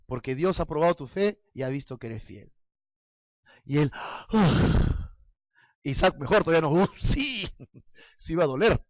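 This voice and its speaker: Male preacher, high-pitched, playful and questioning; dry, muffled recording. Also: no echo. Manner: playful, acts out little scenes and asks the congregation questions. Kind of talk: sermon. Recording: dull lo-fi sound, dry.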